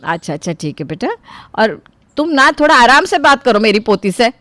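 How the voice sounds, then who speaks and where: This is a stubborn old grandmother, acted by a woman who rules the house. She is commanding and scolding, with a voice a little higher than usual. The sound is close and dry. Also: big pitch swings, moderate pace, a bit bright, no room sound. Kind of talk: voiced storybook character.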